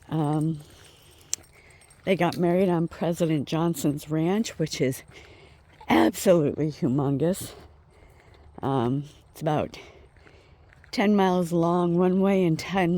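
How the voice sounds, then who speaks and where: Woman out walking the dogs, kinda out of breath, slow rambly chatty vlog talk. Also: deep voice, mellow. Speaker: vlogger. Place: outdoors on a walk with dogs.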